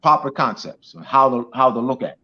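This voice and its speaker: A man's voice: mid-range voice, a little fast. A man speaking as a guest speaker in a teaching talk, emphatic and repetitive, with many "you know"s. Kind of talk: teaching talk on an online show. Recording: dull lo-fi audio.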